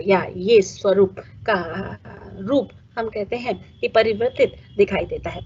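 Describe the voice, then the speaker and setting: Woman giving a lecture, lots of pauses, kinda dull lo-fi sound w/ faint background hiss. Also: mid-range voice, a little mellow. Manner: unhurried, filler-heavy explaining. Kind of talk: recorded lecture. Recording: slightly dull lo-fi audio with faint noise.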